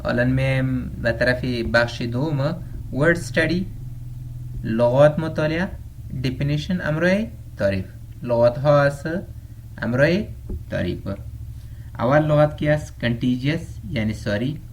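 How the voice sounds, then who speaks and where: A man with an Afghan Dari accent teaching an English vocabulary lesson. He reads each English word slowly and then glosses it briskly. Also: medium pitch, slight background noise.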